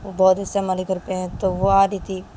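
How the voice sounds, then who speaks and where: A woman's voice: mid-range voice, completely flat delivery, brisk, mellow, natural voice. A shy, tomboyish young woman, as a woman storyteller voices her, stammering and hesitant. The recording is noisy with traffic behind.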